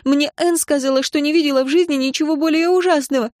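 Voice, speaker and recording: A woman's voice: mid-range voice, steady tone, moderate pace, no echo, clean studio sound, natural voice. Woman reading as an earnest young heroine. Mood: upset. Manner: gentle then pleading, voice rising when upset. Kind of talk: audiobook character reading.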